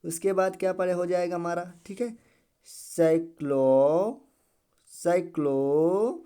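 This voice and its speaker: Man teaching in a dark, mellow voice. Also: sits high, flat delivery, smooth. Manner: keeps repeating words and asking quick questions of the viewer; drills each word over and over. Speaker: English pronunciation teacher. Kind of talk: classroom-style video lesson.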